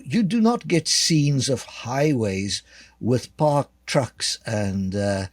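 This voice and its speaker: An older South African man with a South African accent speaks as a guest author answering interview questions. His mid-range voice is measured and dryly sarcastic, full of fillers, with no room sound.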